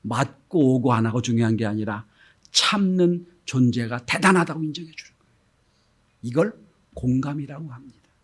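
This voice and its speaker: A middle-aged man preaching a Sunday sermon as pastor, often dropping into gentle quoted speech and then rising loud again. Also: mid-range voice, animated, normal speed, breathy edge. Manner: acts out gentle quoted speech, swings between soft and loud.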